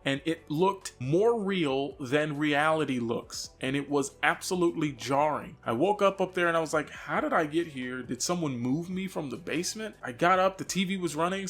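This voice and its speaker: A young man telling his own eerie out-of-body experiences in a casual, earnest way. His pace quickens at the tense parts. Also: fairly high pitch, a bit bright. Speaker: storyteller. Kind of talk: casual first-person storytelling.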